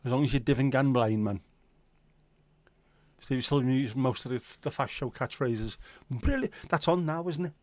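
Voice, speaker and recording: A middle-aged Scouse host from Liverpool runs a relaxed livestream, reading viewer comments, telling stories, joking around and swearing casually. His pitch is ordinary and mid-range, his pace moderate, and the recording is close and dry with no room sound.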